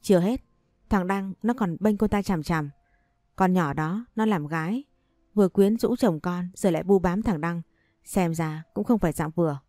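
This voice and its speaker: A desperate young wife from an audio story, possessive and bitter, as a woman reads her. The voice is low and mellow. Faint music plays beneath a dry recording. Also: moderate pace, no echo, close to an everyday voice. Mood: pleading, bitter.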